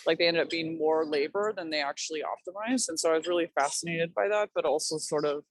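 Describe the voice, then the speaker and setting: A woman's voice: low-pitched, quick pace, no echo, rough recording. A woman artist talking about her work in a casual, reflective way, her speech loose and peppered with filler words. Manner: thoughtful, loose, peppered with "like" and "kind of".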